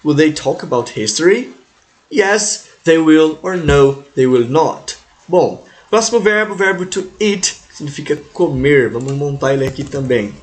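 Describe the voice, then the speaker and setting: A man with a fairly high voice leads an English grammar lesson, speaking very slowly and stretching out each example sentence. He keeps checking in with his students between examples. Faint background noise and the click of a keyboard sit under his voice. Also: lively intonation. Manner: slow, drawn-out model sentences with frequent "né?" and "tá?" check-ins. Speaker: English teacher. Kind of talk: online language lesson.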